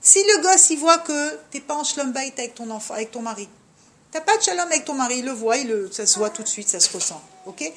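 A woman teaching a religious class for women, speaking straight to her listeners and scattering Hebrew terms through her lively lesson. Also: high voice, fast talker.

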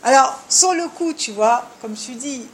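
A high-voiced woman leads an informal religious talk for a group, speaking straight to her listeners. She stays animated and acts out small dialogues as she goes. Faint room noise sits behind her voice. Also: measured pace. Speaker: leader of a women's discussion group.

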